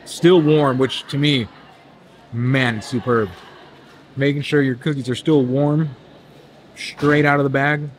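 Amid crowd chatter in a bustling convention hotel hall, a young man chats cheerfully for his vlog while giving a cookie a rating out loud. His voice is a little high, and there's slight background noise.

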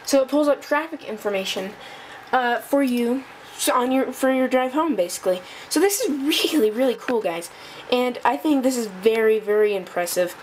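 A woman presenting a casual tech demo off the cuff, halting and thinking aloud as she goes. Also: fairly high pitch, lively intonation, darkish tone, low-quality recording. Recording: noticeable background noise.

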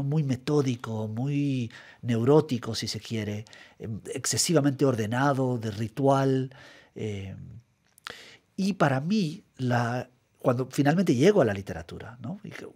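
Speaking into a studio mic for a radio interview, a middle-aged writer from Guatemala reflects carefully, often repeating words as he hunts for the right one. His medium-pitched voice is expressive and unhurried, with a darkish tone and a breathy edge.

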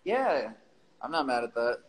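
A man's voice: medium pitch, big pitch swings, a little slow, poor audio. A man hosting a casual livestream from his phone, joking around and swearing freely with viewers who join the stream. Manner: swears a lot, loose and jokey. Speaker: livestream host.

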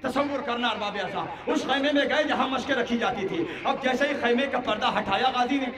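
High-voiced man preaching a mourning sermon. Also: brisk. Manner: impassioned, rising to wailing shouts. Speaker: Shia cleric reciting a majlis. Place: large mourning gathering. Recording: echoey hall, far from mic, crowd. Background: mourners' crowd.

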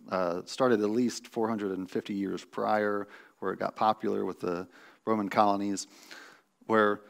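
A man's voice: on the low side, gravelly. A man in his thirties preaching a sermon from a pulpit in a church sanctuary, teaching conversationally with restarts and fillers. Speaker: pastor.

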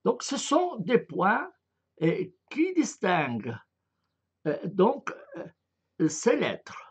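Huge pitch swings and drawn-out words mark this man's high, husky voice as he gives a slow online lecture on Arabic script. He is hesitant, full of filler sounds, and pronounces the letter sounds one after another.

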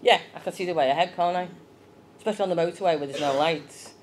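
A woman's voice: fairly low pitch, fast. A woman giving a chatty children's talk in church, asking the young ones questions.

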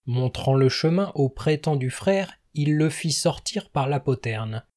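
A man narrating an audiobook of a historical novel in a measured storytelling manner. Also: a little high, animated, darkish tone, a little hiss or hum.

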